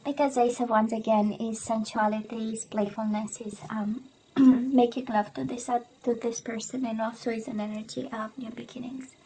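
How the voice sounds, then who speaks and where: A woman doing a casual tarot love reading, hoarse as she loses her voice, often clearing her throat and tagging her sentences with "right?". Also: fairly high pitch, steady tone, moderate pace, warm tone, slight background noise, poor audio. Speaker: tarot reader.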